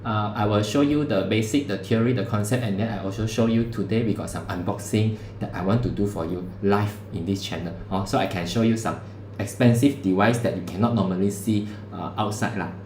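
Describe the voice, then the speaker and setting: In an echoey room with a faint background hum, a male lecturer streams a class through his setup mic. He talks fairly quickly in a low, slightly mellow voice, keeping things casual and chatty with local particles.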